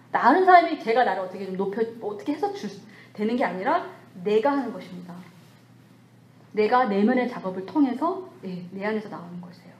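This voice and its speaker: Woman church lecturer, fairly high voice, animated, acts out little bits of self-talk; echoey hall sound. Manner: lively, acts out scolding and comforting self-talk.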